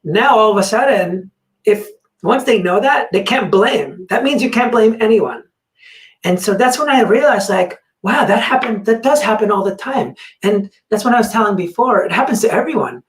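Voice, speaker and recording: A podcast host telling a story in a casual chat, acting out the other people's words with lively energy. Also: medium pitch, normal speed. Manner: animated, acts out quoted dialogue. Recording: roomy, distant mic.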